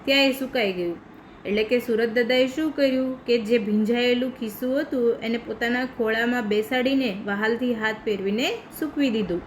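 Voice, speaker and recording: A woman teacher from India reads a children's story aloud, stopping often to explain it patiently. Her voice sits fairly high, with faint background noise. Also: fairly quick, poor audio. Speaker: primary school teacher.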